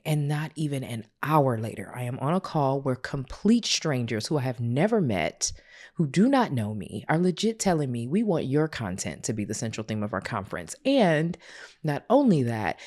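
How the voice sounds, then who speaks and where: A woman with a very low, deep voice tells a personal story on her podcast. She talks casually and confessionally and uses slang. Her voice cracks with tears as she goes. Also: a little mellow. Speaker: podcast host.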